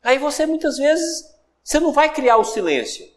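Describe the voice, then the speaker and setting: A man's voice: very high voice, moderate pace, in a large hall. A man with a Brazilian Portuguese accent giving a recorded course lecture on self-development, talking conversationally and repeating phrases for emphasis. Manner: animated, acts out everyday examples in quoted voices.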